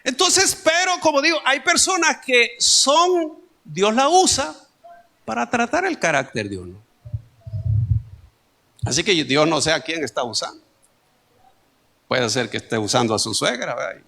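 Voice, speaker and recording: A man's voice: high voice, very animated, a little slow, vocal fry, long pauses, sharp tone. A male pastor with a Salvadoran Spanish accent, preaching a sermon in a conversational way with homely stories and asides. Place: church.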